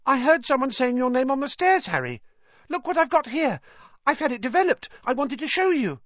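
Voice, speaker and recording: A man voicing an excitable young boy who gushes in breathless, rapid questions. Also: extremely high pitch, no room sound, lo-fi sound, pitched above the performer's own voice, heavily acted. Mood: eager.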